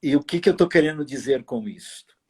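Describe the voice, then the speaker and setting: A man hosting a late-night live video chat from his apartment, speaking slowly and deliberately with long pauses and fillers. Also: a little high, animated, darkish tone, breathy edge. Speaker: host. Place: apartment at home.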